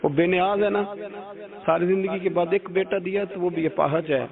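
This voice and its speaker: A man's voice: high-pitched, fairly even intonation, vocal fry. A male preacher telling a story in a sermon, in short, pleading, emotional phrases. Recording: tinny phone-like sound with audible crowd.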